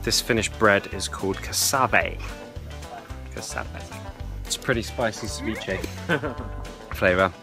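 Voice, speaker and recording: A man's voice: lowish voice, unhurried. A young man giving a jokey, wry travel vlog commentary on a rainforest trip. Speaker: travel vlogger. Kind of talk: casual travel vlog narration. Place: outdoors in tropical rainforest. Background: music.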